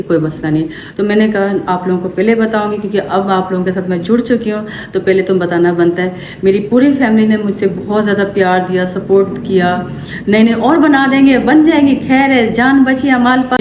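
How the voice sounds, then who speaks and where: A young woman from Pakistan, telling a story to camera for her family vlog in an animated way. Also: mid-range voice. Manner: animated, quick to act out what happened. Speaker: family vlogger. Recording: echoey room with faint ambient noise.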